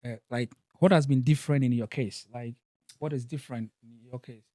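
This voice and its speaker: Halting, repetitive man hosting a talk. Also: mid-range voice, fairly even intonation, mellow, no echo, clean studio sound. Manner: halting, repeats words with many fillers. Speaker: podcast host. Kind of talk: casual panel discussion. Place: in Germany.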